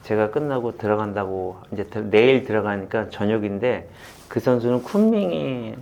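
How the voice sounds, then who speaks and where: A man in his fifties, a football coach, talking through memories in an interview with many pauses and fillers. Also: on the low side, animated, gravelly, darkish tone. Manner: halting and reflective, many fillers, laughs while retelling. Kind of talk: candid interview.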